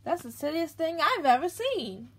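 A woman's voice: very high-pitched, sing-song, normal speed, a bit bright, pitched above the performer's own voice, exaggerated voice. A woman voicing a skeptical female farm cow who scoffs at what she sees. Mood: scoffing. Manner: scoffing, incredulous.

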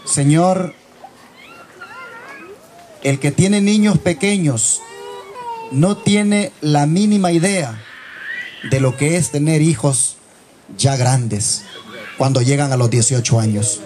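A man's voice: on the high side, slow pace, long pauses, a little mellow, a little hiss or hum. Earnest middle-aged man praying. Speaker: church member leading prayer. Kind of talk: spoken prayer.

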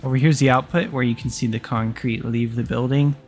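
A young man talks through his factory build in loose, joking gameplay commentary, with the odd curse thrown in. His voice sits in a middle pitch. Soft music plays quietly behind him. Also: fairly even intonation, fairly quick. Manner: goofy, jokey, swears freely. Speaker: gaming YouTuber.

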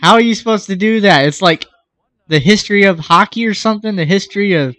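A man's voice: high voice, fast, bright, forceful tone, no echo. A young man chatting casually beside a friend playing a video game, teasing him and cheering the plays. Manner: dry teasing remarks, cheers the play. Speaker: co-host friend. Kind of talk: casual gameplay chat.

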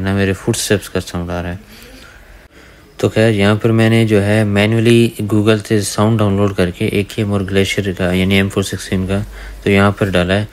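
In a lowish voice with a little hiss or hum on the audio, a gaming YouTuber narrates casual gameplay and addresses viewers as brothers. He sounds dry-throated from talking, and faint gunfire runs under his voice.

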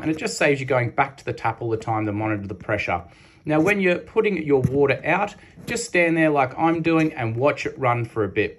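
A man's voice: medium pitch, a little hiss or hum. A man in his thirties with an Australian accent, a lawn care host giving a practical step-by-step voice-over with casual fillers. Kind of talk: instructional voice-over.

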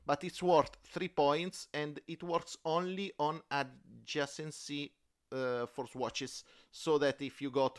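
A man who speaks as a talks through a board game on a podcast. His voice is smooth and resonant, and his speech halts often with fillers and restarts. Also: medium pitch. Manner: halting, many fillers and restarts. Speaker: podcast co-host. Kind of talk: casual board game chat.

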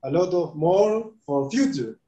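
A young man whose first language is Spanish talks over a video call in halting, restarting English. His voice sits a little high and sounds mellow. The webcam audio is roomy and dull. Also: expressive. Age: 20s. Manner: halting non-native English with frequent restarts and laughs. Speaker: interview guest, trader. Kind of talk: casual video call interview. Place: bright room indoors.

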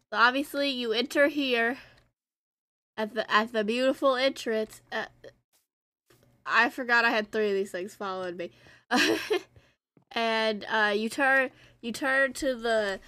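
Young woman streamer, rambling chat, unhurried pace, dry close mic, slightly high voice. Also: pushed and bright, no room sound. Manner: rambling, self-interrupting, hums and sings nonsense tunes. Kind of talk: casual live-stream chat over gameplay. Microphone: close desk mic.

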